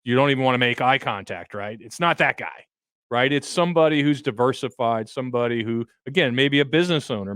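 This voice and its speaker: A man in his fifties co-hosts a radio money show as a financial advisor, talking casually, bluntly and with jokes. His voice sits at a middle pitch. The sound is dry and close to the mic. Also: no echo. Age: 50s. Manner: blunt, joking, folksy analogies.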